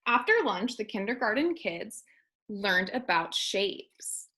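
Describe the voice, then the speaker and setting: A woman, a kindergarten teacher, reading a children's storybook aloud expressively and deliberately to young listeners. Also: medium pitch, expressive, pushed and bright, poor audio.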